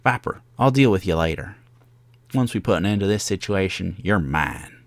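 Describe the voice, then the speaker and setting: A man voicing a gruff, proud and stubborn pirate captain from a video game, with piratical turns of phrase. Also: sits low, lively intonation, normal speed, no echo, studio quality. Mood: threatening. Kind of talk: video game dialogue read-aloud.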